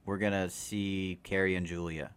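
A man co-hosting a podcast, easygoing in casual chat, often halting and restarting his sentences. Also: sits low, level tone, fairly bright tone, smooth, no echo. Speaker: podcast co-host.

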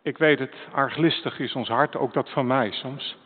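A man's voice: mid-range voice, steady tone, moderate pace, breathy edge. A male preacher delivering a Sunday sermon, addressing his listeners directly with earnest questions and a personal story. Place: church. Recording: echoey church hall, tinny phone-like sound.

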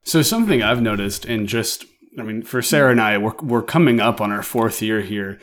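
A man's voice: fairly low pitch, animated, a little fast. A man acting as interviewer, chatting casually and putting questions, recorded in an attic room. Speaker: interviewer and house guide. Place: in an attic room of an old house.

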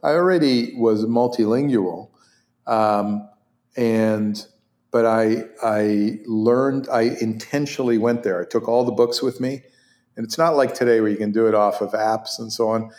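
With a lowish, unhurried voice in a reverberant space, a Hebrew-speaking orthopedic surgeon in his sixties shares stories as an interview guest. He's lively throughout, laughing a lot and often starting his sentences over.

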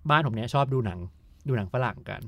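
A man's voice: lowish voice, animated, quick pace, fairly bright tone, no room sound. A man hosting a casual podcast chat, asking probing questions and telling stories. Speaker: podcast host.

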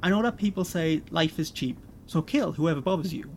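A man's voice: fairly high pitch, fairly quick, a little hiss or hum, lightly acted. A man voicing a smug, slick corporate executive who talks in a breezy, condescending, amused way.

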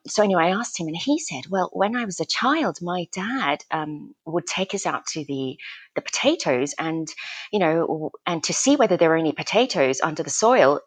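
As a podcast guest, a woman talks about her garden in a low, warm voice. She spent her childhood in Malaysia before growing up in Australia. Her chat is casual and hesitant, stumbling over restarts and often breaking into laughter.

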